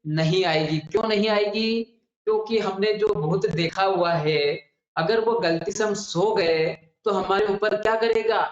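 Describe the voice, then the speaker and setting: Male grammar teacher, exam coaching, rhetorical question-and-answer style, echoey room, muffled lo-fi audio. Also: high voice. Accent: Hindi heartland. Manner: asks questions and answers them himself; addresses students fondly. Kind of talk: exam-prep grammar lesson. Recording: dull echoey classroom audio.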